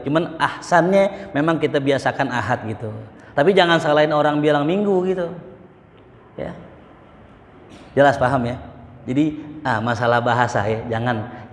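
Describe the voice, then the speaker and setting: A man's voice: mid-range voice, normal speed. A man gives a mosque study lecture, joking and acting out market banter. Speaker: religious teacher. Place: mosque hall. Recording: echoey mosque hall.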